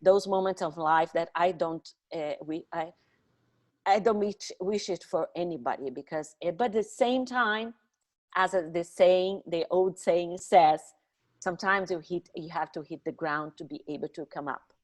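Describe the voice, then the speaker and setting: A woman's voice: lowish voice, normal speed, darkish tone. A middle-aged woman who speaks English as a second language, talking expressively and emphatically as a guest in a conversational podcast interview. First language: not English.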